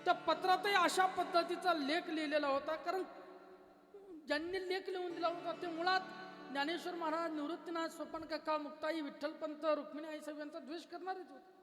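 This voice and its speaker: High-voiced man preaching a kirtan sermon. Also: brisk, over music. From Maharashtra. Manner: animated storyteller, asks the crowd rhetorical questions. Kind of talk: kirtan storytelling sermon with chanted verses. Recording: echoey hall, faint instruments.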